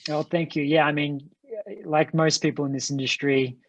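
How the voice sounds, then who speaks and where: A franchise company executive appears as a guest, answering interview questions over a video call. He speaks English with a non-American accent in a slightly high, level voice at a moderate pace, earnest and enthusiastic, often restarting his words. There's no room sound.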